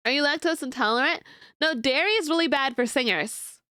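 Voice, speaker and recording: A young woman livestreamer with a stuffed-up, nasal voice rambles through answers to her chat while watching videos. Her voice is high-pitched and sharp, her pace fairly quick, and the recording is dry and studio quality.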